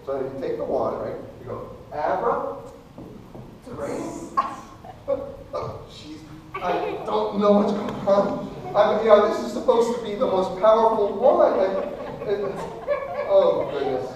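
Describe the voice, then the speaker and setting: A man works as a kids party magician, with a voice that swings widely in pitch. He is playful and exclamatory, fumbling on purpose as he coaxes a volunteer along. The sound is distant and heavily echoed, with faint noise. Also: big pitch swings, a little slow, long pauses, darkish tone. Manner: playful, exclamatory, mock-bumbling showman. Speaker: stage magician. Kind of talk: kids party magician, comic audience-participation patter. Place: echoey room at a live magic show.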